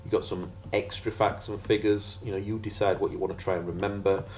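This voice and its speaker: A man's voice: lowish voice, level tone, brisk, a little mellow. A man teaching a casual geography revision lesson over slides, chatty and jokey with sarcastic asides.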